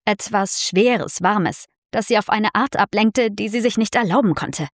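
A woman's voice: medium pitch, no room sound. Woman reading a story in a dry, close sound. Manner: slow, measured, dramatic reading. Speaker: audiobook narrator. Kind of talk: scripted narration.

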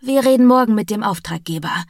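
A woman's voice: a little high, expressive, fairly quick, darkish tone, no echo, clean studio sound. A woman voicing a defiant, proud female rival. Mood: cool, defiant. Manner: cool, clipped, controlled.

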